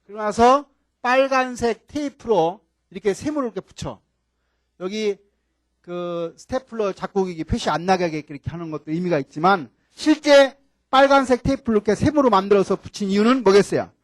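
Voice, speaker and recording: A man's voice: high-pitched, brisk, no room sound. An older man, a professor from Chungcheong, giving a classroom lecture. He keeps asking the class questions and repeats key words. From Chungcheong, Korea.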